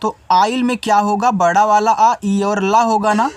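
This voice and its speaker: A man's voice: steady tone, no room sound. A man teaching an English spelling lesson, patiently spelling each word out letter by letter and repeating each meaning twice. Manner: spells words out letter by letter slowly, then says the word lower and quieter.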